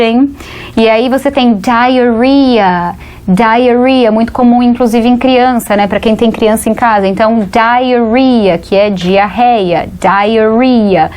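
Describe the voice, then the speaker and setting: A woman's voice: on the high side, darkish tone. Brazilian woman teaching English pronunciation. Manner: slow, careful model pronunciations of English words. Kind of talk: TV English lesson for Portuguese speakers.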